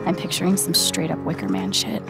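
A woman's voice: low-pitched, very animated, brisk, creaky, over loud music, exaggerated voice. An actress playing a young woman who talks in a dry, sarcastic way. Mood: wry. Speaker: main character.

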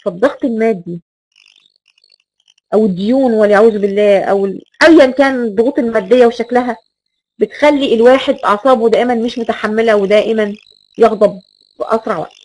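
A woman's voice: a little high, quick pace, a little mellow, rough recording. A woman with an Egyptian Arabic accent giving a recorded lecture, stressing key words and repeating rhetorical questions.

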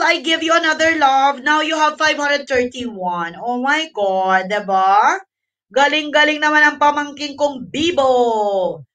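A woman's voice: sits high, bright, forceful tone, distant mic. A woman hosting a casual livestream, out of breath, chatty and thanking viewers, mixing English into her talk. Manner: mixes English into Tagalog. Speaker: livestream host.

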